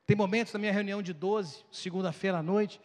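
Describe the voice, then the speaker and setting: A male pastor preaching a sermon with animated, dramatic storytelling. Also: sits high, quick pace, big-room sound.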